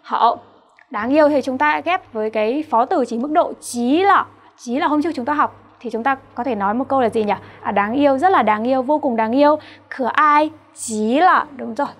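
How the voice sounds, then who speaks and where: At normal speed and with a high voice, a young woman with a Vietnamese accent teaches vocabulary as a Chinese teacher. She's patient, checking in with students through rhetorical questions.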